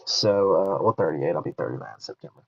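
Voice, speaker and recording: A podcast host in his thirties talks fast and animatedly in a low voice, with vocal fry and a breathy edge. He chats in an easygoing way, thinking aloud and correcting himself as he goes. The recording has a dull lo-fi sound.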